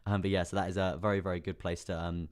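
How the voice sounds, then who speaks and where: Hoarse, fast-talking English man. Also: sits low, level tone. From England. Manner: chatty, reads out viewer names and laughs often. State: hoarse, voice partly lost. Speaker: crypto live-stream host. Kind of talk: casual live-stream chart talk.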